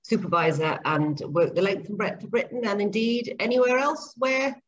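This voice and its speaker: A woman's voice: mid-range voice, moderate pace. A middle-aged woman, a speech and language therapist, talking earnestly at length as a guest on a video-call interview from her home kitchen. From grew up in Zambia and Papua New Guinea. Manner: chatty, earnest, explains at length. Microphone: laptop webcam mic on video call. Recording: dull lo-fi call audio, faint noise.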